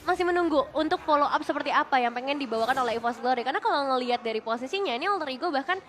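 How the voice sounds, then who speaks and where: A woman's voice: sits high, lively intonation, rapid-fire, background noise. A woman with an Indonesian accent giving conversational esports commentary as a caster. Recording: music behind the voice. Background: music.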